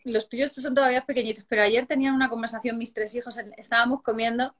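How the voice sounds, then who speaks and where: A woman hosts a relaxed interview. Her voice sits a little high, and she talks in a chatty, animated way, full of anecdotes. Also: fast talker. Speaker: host. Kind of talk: casual chat interview. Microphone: video call.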